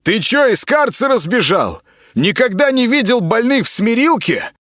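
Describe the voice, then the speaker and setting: A man voicing a rude, arrogant 42-year-old male psychiatric patient who yells insults. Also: extremely high pitch, sing-song, normal speed, no echo, studio quality, pitched above the performer's own voice, exaggerated voice. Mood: brash. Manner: brash, yelling insults.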